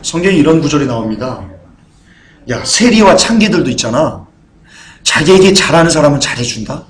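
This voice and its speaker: A man preaching a sermon as pastor, building from quiet low talk to loud impassioned preaching and acting out blunt quoted speech. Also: sing-song, a little fast, slight background noise. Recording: echoey church room.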